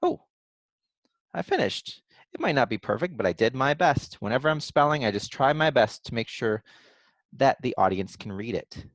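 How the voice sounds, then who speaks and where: A man teaching kindergartners to write, thinking aloud slowly and sounding out letters and syllables one at a time. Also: mid-range voice, very animated, no room sound. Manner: thinks aloud in a gentle encouraging way. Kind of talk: modeling writing for young children.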